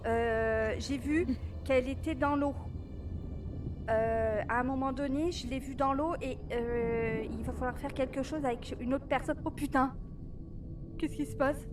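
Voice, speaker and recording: A woman's voice: high-pitched, fairly even intonation, unhurried. A woman playing a game with a friend, chatty and laughing often. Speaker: co-op gaming partner. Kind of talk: let's play commentary. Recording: distant mic with clear background noise.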